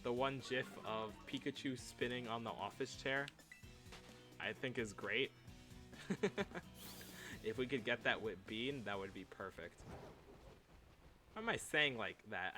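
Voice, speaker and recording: A young man chats through a game stream in a bright, forceful voice, teasing his viewers and laughing between lines. Faint music runs softly behind him. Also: medium pitch. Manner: playful, chatty, reads chat aloud, frequent laughs. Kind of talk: casual livestream chat.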